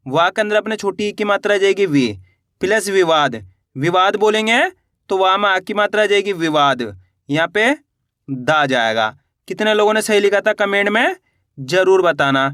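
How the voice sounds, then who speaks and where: A man teaching beginners to read and spell, sounding words out slowly syllable by syllable and quizzing his viewers with encouragement. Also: sits high, fairly bright tone, no echo, studio quality. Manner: encouraging, addresses viewers as friends. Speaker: Hindi teacher.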